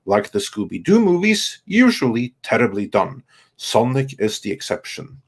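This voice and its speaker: This male panel co-host on a live stream reads out messages from viewers and comments on them. He speaks at a medium pitch in a sing-song way with a breathy edge, haltingly, drawing out certain words.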